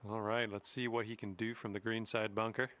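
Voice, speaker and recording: Brisk yet calm, a man offers easygoing play-by-play on a golf round, filling the gaps between shots with soft, understated asides.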